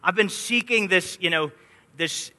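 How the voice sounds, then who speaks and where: A man's voice: high-pitched, a little slow, bright, forceful tone, exaggerated voice. A man voicing an eager ancient king who pleads to see a miracle, in a Bible study retelling. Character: eager curious ancient king, male adult. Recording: long hall reverb.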